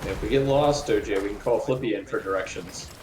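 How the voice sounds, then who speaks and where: A man's voice: lowish voice, a little fast, echoey room, recorded from a distance, noisy background. A man chatting casually as a player on a game stream, playful and talkative. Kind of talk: casual gaming chat.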